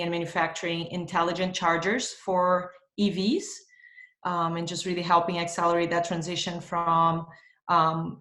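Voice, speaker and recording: A woman's voice: on the low side, fairly bright tone, roomy sound. A woman in her thirties, from Brazil, speaking thoughtfully with many fillers as an interview guest on a video call from home. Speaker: marketing executive guest. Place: home in Spain.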